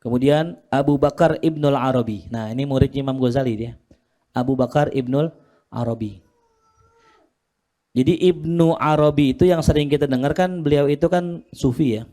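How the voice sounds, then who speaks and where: Man, religious teacher, casual lesson, teasing, mellow voice. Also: on the high side. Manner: casual, jokey, teasing his students. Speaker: Islamic teacher.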